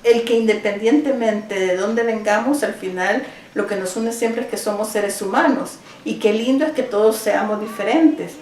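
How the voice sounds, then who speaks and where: Earnest Salvadoran-born teacher, roomy distant sound. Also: female voice, medium pitch, moderate pace, few pauses, a little mellow. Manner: earnest, thoughtful, with small restarts. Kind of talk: interview answers. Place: at home.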